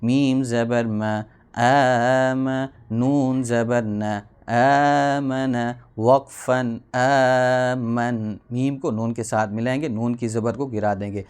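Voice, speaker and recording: A man teaching a Quran reading lesson, explaining rules quickly, then spelling out letters and drawing syllables out slowly. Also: medium pitch, steady tone, darkish tone, clean tone. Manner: fast explanations, then slow drawn-out syllables.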